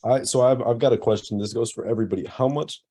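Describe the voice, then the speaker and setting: A man co-hosting a podcast over a video call, curious and halting, with many fillers. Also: medium pitch, fairly even intonation, warm tone, a little hiss or hum. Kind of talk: casual podcast chat.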